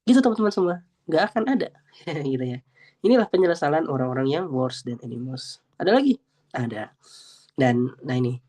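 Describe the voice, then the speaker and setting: A man leads a relaxed religious study session, reading scripture in slow, measured recitation. Between verses he turns lively and chatty, acting out the voices he quotes with rising pitch. He often adds a tag to the end of his phrases and speaks directly to his listeners. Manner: animated, acts out quoted voices, frequent laughs and "gitu kan ya" tags; slows down to recite Arabic verses. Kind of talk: casual Islamic study talk with Quran recitation.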